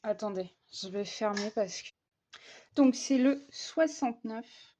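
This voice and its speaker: A woman's voice: fairly high pitch, slow pace, dark tone, dull audio, a little hiss or hum. A young woman chatting casually while coloring at her desk, hesitant and full of fillers and restarts. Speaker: vlogger. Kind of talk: casual coloring vlog chat.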